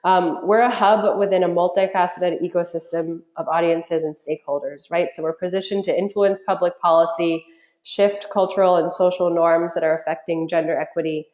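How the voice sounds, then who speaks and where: Woman, nasal from a cold, lowish voice, friendly webinar host, echoey room over a web call. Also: steady tone, normal speed, a little mellow. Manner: friendly, chatty, frequent ums. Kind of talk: live webinar presentation. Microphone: computer mic on a web call.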